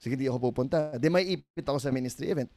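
A man's voice: medium pitch, racing, dry recording. A middle-aged Filipino man, a pastor, telling stories in a casual podcast chat, acting out quoted voices and laughing easily. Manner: animated storyteller who acts out quoted voices, laughs easily. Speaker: pastor guest.

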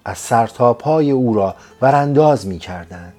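A man narrating a serialized story as a scripted audiobook, reading in a slow, measured way. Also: medium pitch, lively intonation, a little mellow. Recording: faint music behind.

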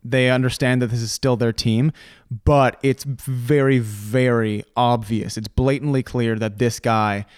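A man's voice: mid-range voice, steady tone, measured pace, a little mellow, smooth, no echo, studio quality. A man co-hosting a podcast, chatting casually with teasing banter and frequent laughs. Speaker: podcast co-host. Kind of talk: casual chat.

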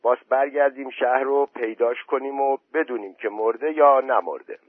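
A man voicing a weary village aunt who gives flat, resigned answers. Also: medium pitch, breathy edge, dry recording, pitched above the performer's own voice, natural voice. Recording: dry tinny phone-like voice message.

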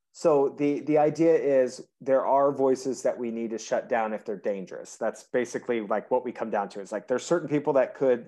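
A man hosting a podcast, chatting casually about politics in a rambling way full of fillers. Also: mid-range voice. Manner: rambling, animated, frequent "like" fillers. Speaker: podcast host.

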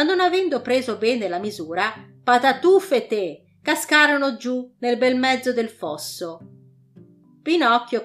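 A woman narrating a classic storybook with an animated, dramatic reading. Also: a little high. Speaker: audiobook narrator.

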